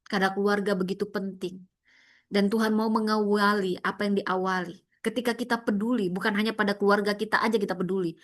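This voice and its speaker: A woman's voice: mid-range voice, a bit bright. A woman pastor, preaching a sermon in an impassioned, scolding way full of rhetorical questions.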